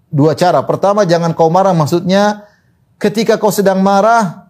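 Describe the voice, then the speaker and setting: A man's voice: fairly even intonation, normal speed, a little mellow. A man preaching an Islamic sermon, reciting Arabic scripture and driving points home with emphatic repetition. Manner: quotes Arabic scripture, emphatic repetition, pitch swings widely. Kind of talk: religious lecture.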